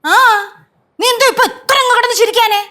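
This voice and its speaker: A woman's voice: very high-pitched, a little fast, pushed and bright, faint music behind. A touchy complaining old grandmother. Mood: nagging. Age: older. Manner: complaining, defensive, sulky. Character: touchy old grandmother, quick to take offence. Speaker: grandmother and wife. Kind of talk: sitcom acting.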